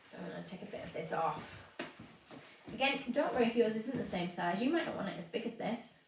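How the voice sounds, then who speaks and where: A cake decorator teaches a live stream from home, her mid-range voice gravelly, fairly quick and lively in intonation. Her nose is sniffly with hay fever as she chats casually, explaining each step as she works and using lots of fillers. The recording sounds roomy and distant, with faint noise.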